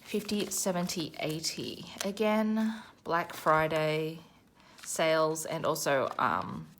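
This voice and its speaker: A woman's voice: low-pitched, slow, a bit bright, slight background noise. An Australian woman in her thirties chatting casually in a budgeting vlog, counting cash aloud with self-deprecating humour. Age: 30s. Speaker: budgeting vlogger.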